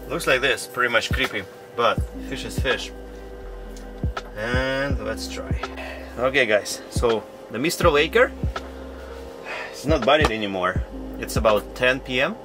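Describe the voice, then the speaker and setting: A fishing vlogger in his thirties talks to the camera in broken, non-native English, often bursting into excited exclamations. He's inside an ice-fishing tent on a frozen lake, recorded by an action camera mounted in the tent. His voice sits in the mid range.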